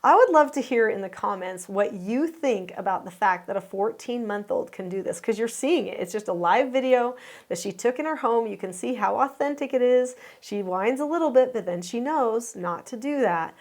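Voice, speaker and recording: A woman's voice: a little high, animated, moderate pace, darkish tone. A woman hosting, earnestly explaining a home video to viewers and asking them questions. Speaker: host and parenting teacher.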